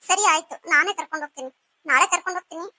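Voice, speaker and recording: A woman's voice: very high voice, very fast, bright, forceful tone, no echo, heavily acted. A woman voicing a caring older sister figure in a cartoon story, coaxing and soothing as she talks.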